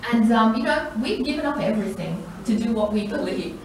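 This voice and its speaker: A woman's voice: a little high, lively intonation, fairly quick. A middle-aged woman church leader giving a personal testimony, telling her story with animation, acting out quoted voices and laughing often. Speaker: church leader, women's day speaker. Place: large church hall. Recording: echoey hall, mic from far off, faint noise.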